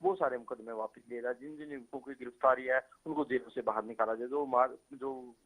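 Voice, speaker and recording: A male field reporter phoning in a news update, talking quickly and loosely from the scene. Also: mid-range voice, steady tone, a bit bright. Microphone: phone line. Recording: tinny phone line.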